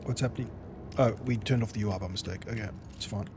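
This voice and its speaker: A man's voice: on the low side, noisy background. Man reading game text aloud casually. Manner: casual, self-correcting, reads aloud with deliberate pacing. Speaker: gaming channel host.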